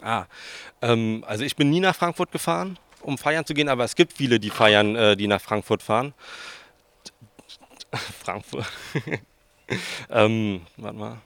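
Answering interview questions informally and somewhat hesitantly, a student researcher in his twenties from southern Hesse, Germany, speaks with a southern Hessian accent. His voice is medium-pitched, creaky, and fairly bright in tone, and he keeps a measured pace with frequent pauses.

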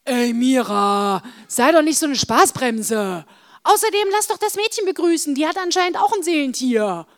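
A woman voicing a cheeky teenage girl in a storybook, talking loudly and teasingly. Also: high voice, animated, normal speed, voice pushed up. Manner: brash, teasing, loud. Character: cheeky loud teen girl with a spirit animal.

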